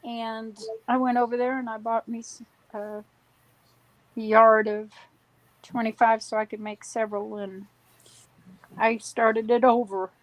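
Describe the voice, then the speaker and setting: A woman's voice: on the high side, level tone, measured pace, pauses often, dry recording. Chatty woman in her sixties. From Wisconsin. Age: 60s. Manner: chatty, rambling, self-correcting. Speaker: livestream crafter. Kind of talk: casual chat. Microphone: live stream.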